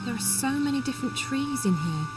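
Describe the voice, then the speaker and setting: A woman's voice: high-pitched, lively intonation, fairly quick, loud music behind the voice, low-quality recording. An actress playing a curious, earnest young woman adventurer in a video game, with natural, inquisitive delivery. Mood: admiring.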